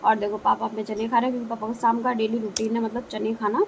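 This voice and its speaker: A woman's voice: a little high, little pitch movement, quick pace, creaky, slight background noise, poor audio. A young woman narrating her family's day at home in a rural house, chatty and repeating herself for emphasis. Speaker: family vlogger. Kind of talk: casual vlog narration. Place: rural home with cattle yard and kitchen.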